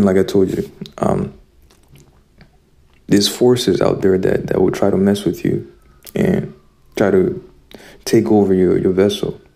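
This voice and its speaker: A man's voice: low-pitched, creaky, warm tone. A man from Zimbabwe giving an earnest, preachy spiritual monologue straight to his listeners. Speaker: spiritual vlogger.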